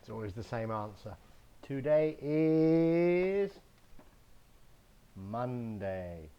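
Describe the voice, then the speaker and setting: Slow, sing-song English teacher man. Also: mid-range voice, animated, clear, resonant tone, highs cut off. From England. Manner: sing-song, spells words letter by letter. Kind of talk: slow English lesson for young children. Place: home garden, outdoors.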